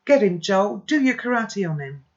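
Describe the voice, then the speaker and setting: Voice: mid-range voice, very animated, normal speed, muffled recording, voice pushed up. A reader voicing a terrified teenage girl who shrieks and trembles as she begs. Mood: shrill.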